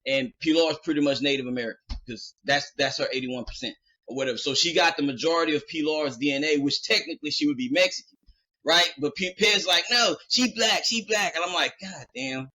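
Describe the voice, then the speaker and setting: He's a podcast host with a fairly high, fast voice, telling a long, loose story with plenty of fillers. The casual retelling is animated, with quoted dialogue acted out.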